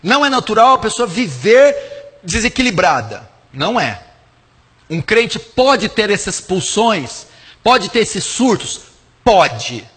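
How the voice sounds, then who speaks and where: A man preaching as a pastor, speaking bluntly and working through his points in order. His voice sits a little high and has a husky, grainy edge. It carries a long, trailing reverb. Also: big pitch swings, takes it slowly, a bit bright. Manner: frank, direct, lists points one by one. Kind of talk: teaching sermon answering a question.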